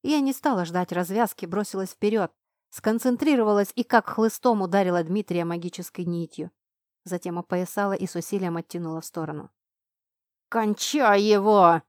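A woman reading a first-person fantasy story aloud, shifting her pitch and loudness to voice the characters. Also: brisk, no room sound, clean studio sound. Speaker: audiobook narrator. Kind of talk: first-person audiobook narration.

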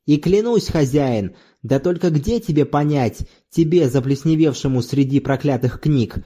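An earthy, boisterous old laborer spins his tales in an audiobook, as a male reader puts him on. His pitch swings widely and his tone stays warm and mellow. He speaks in loud exclamations and teasing asides. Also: expressive, normal speed. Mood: exuberant. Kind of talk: audiobook reading.

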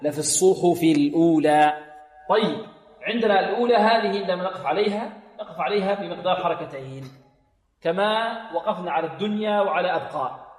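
A man's voice: high-pitched, quick pace. A man teaching Quran recitation, patiently repeating sounds for his students to copy and chanting short examples. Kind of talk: tajweed lesson with chanted demonstrations. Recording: long reverb, religious radio broadcast.

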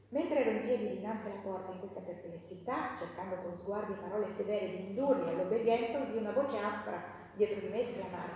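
Heard from far off in an echoey hall with slight background noise, a woman teaches a live class for women. Her mid-range voice has a darkish tone, and her casual delivery includes fillers, self-corrections, and novel passages read aloud.

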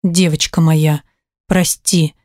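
A woman reading the part of a remorseful, hot-tempered man, dropping her voice low and slow to plead tenderly. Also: little pitch movement, darkish tone, dry recording, clean studio sound.

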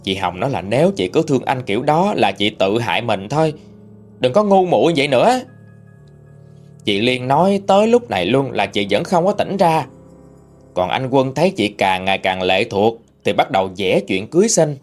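Expressive Southern Vietnamese male storyteller. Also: medium pitch, moderate pace, soft background music. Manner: expressive, gossipy. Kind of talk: narrating a true-life story.

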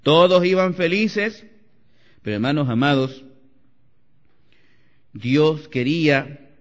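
Gravelly animated Spanish-speaking preacher in a hall. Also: male voice, medium pitch. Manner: animated preaching, rising to shouts. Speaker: pastor. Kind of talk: sermon. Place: church sanctuary. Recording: lo-fi church recording with long reverb.

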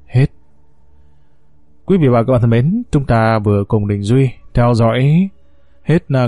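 A man narrating a first-person story in a steady, unhurried way as the storyteller of an audio series. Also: medium pitch, no room sound.

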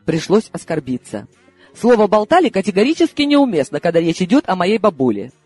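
A man reads a humorous first-person audiobook with an ironic, playful delivery. His voice is high for a man and jumps around in pitch. Music plays softly in the background. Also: brisk, husky, dry recording. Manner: lively, ironic storytelling.

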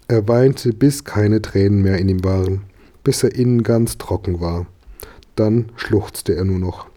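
A man reading a children's story aloud in a calm, measured way. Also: lowish voice. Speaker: reader.

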